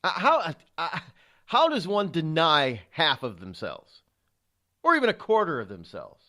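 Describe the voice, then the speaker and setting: This middle-aged radio host sounds pushed and bright, his somewhat high pitch swooping wildly as he speaks unhurriedly. His monologue is indignant and rhetorical, full of stumbles and fillers.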